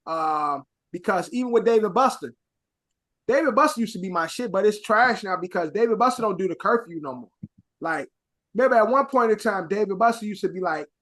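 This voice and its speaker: Guy with a high voice, co-host just rambling and cussing loose on a podcast. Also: a bit bright. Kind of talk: casual chat.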